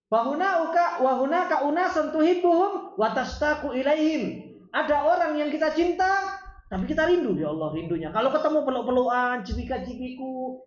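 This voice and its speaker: Man, Islamic study lecture, rhetorical questions, Arabic quotes, echoey room, muffled recording. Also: extremely high pitch. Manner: animated, asks the audience rhetorical questions; reads Arabic lines, then explains them in Indonesian. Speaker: ustaz teaching a religious study circle. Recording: roomy, dull lo-fi sound.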